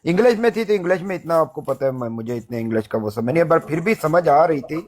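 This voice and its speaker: A man's voice: a little high, lively intonation. Polite questioning man on a panel. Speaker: panel guest. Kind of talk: casual panel chat.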